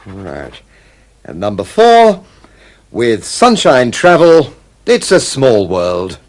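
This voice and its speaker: A man acting in a scripted course dialogue, reading in a clear, deliberate way. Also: mid-range voice, huge pitch swings, heavily acted.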